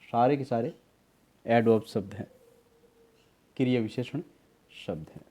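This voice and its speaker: A male tutor who speaks very slowly, in a mellow, dark tone. He explains each word patiently, repeats it, and spells it out one letter at a time. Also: mid-range voice. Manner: addresses students as beta. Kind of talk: slow spelling lesson.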